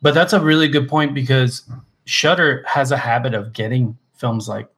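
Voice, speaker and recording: A man's voice: mid-range voice, moderate pace, breathy edge. A man in the middle of his range, chatting loosely as a podcast co-host. He talks with easy enthusiasm, trailing off and restarting his sentences often. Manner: relaxed, many fillers and restarts, enthusiastic recommendations. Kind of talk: casual chat.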